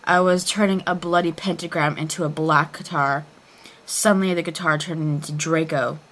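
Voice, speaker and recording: Female reader, lower-pitched, mock-serious and theatrical, for amateur dramatic fiction. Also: fairly even intonation, moderate pace, fairly bright tone. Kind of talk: dramatic reading of fan fiction.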